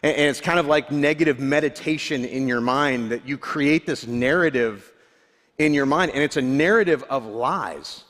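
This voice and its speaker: A man's voice: medium pitch, moderate pace, fairly bright tone. A male pastor giving a sermon, candid and self-deprecating, often restarting his sentences. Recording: long hall reverb.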